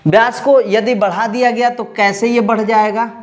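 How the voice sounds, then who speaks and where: A man's voice: high voice, fairly even intonation, moderate pace. A man explaining, step by step, how to weld AC copper pipes, talking directly to his students as an instructor. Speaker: AC repair instructor. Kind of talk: tutorial lesson.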